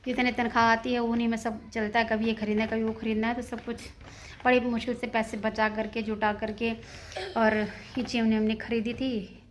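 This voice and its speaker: Shaken woman with a flat, higher voice. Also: fairly quick, a little hiss or hum. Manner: shaken, retelling a scare at length, anxious. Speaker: vlogger, mother. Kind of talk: casual home vlog, talking to camera. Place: home kitchen, indoors.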